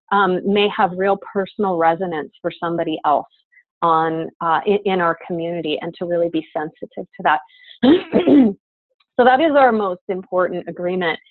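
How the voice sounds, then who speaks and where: A woman with a fairly low voice leads an online class over a video call, earnest and filling her speech with um and uh. The recording is dry and sounds like phone call audio.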